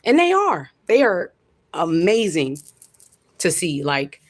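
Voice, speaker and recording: A woman's voice: fairly low pitch, sing-song, slow pace. A woman from Florida, ranting casually and profanely on a home livestream, rambling and talking straight to her chat. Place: at home by a window.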